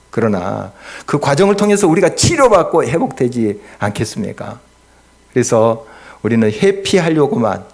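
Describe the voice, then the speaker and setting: Low, gravelly-voiced male pastor preaching. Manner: earnest preaching that swells loud on key words, with rhetorical questions. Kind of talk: midweek prayer-meeting sermon. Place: church.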